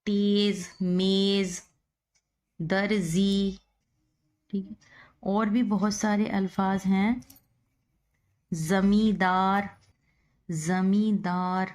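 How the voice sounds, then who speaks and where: A woman's voice: medium pitch, dark tone. A woman teaching Urdu, spelling words out letter by letter and repeating each one. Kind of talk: slow spelling-out lesson.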